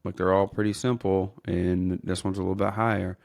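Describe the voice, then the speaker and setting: A man's voice: low-pitched, level tone, brisk, vocal fry, a little mellow, no echo, studio quality. A male podcast host chatting casually, blunt and frank, who swears in passing.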